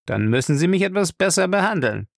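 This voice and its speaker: A man's voice: a little high, sing-song, a little fast, vocal fry, no room sound, studio quality, pitched above the performer's own voice. A man voicing a brash, surly professional thief who talks back with cheeky mockery. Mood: insolent. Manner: cheeky, mocking, raised voice.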